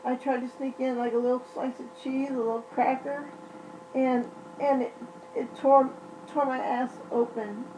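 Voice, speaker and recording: A woman's voice: sits high, level tone, normal speed, darkish tone, a little hiss or hum, poor audio. A woman vlogging casually while in pain and on medication, blunt and profane, rambling and restarting often. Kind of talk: casual vlog monologue.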